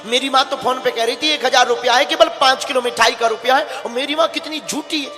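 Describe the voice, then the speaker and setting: A man's voice: very high-pitched, fairly even intonation, a little fast, pushed and bright. A male preacher voicing a nervous, proud young daughter-in-law who talks in a worried, earnest way, in an echoey hall with music behind. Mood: astonished.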